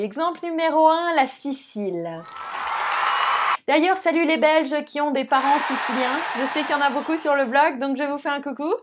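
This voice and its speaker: A young woman teaching Italian in a relaxed video lesson. Her voice sits a little high, and she chats and jokes as she talks straight to the viewer. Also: noisy background. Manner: chatty, jokey, addresses viewer directly.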